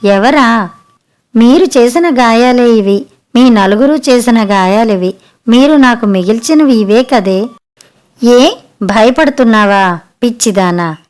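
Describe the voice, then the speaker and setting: A woman's voice: fairly high pitch, slow, pauses often, a little mellow. Woman voicing a reproachful grieving old mother. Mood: accusing. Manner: bitter, accusing, sorrowful. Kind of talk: audiobook story reading.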